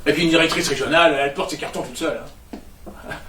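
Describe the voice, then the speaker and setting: Speaking fast in a fairly high voice, an actor lightly plays a self-satisfied, tactless and awkward man, an office worker and neighbour prone to stammering when flustered. The stage performance comes through from afar with echo and a noisy background.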